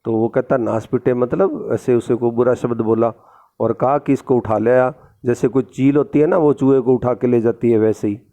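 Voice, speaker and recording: Gravelly-voiced man teaching a lesson. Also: medium pitch, fairly even intonation, moderate pace, mellow. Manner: explanatory, repeating with tag questions. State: sore throat. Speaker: school Hindi teacher. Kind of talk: recorded lesson explaining a play. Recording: dull lo-fi recording.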